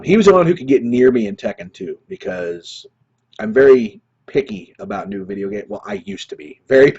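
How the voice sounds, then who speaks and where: A man's voice: lowish voice, a little mellow, husky, dull audio. A man in his thirties, a streaming show host, telling rambling gaming stories in casual chat with chuckles and restarts. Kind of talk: casual gaming story monologue.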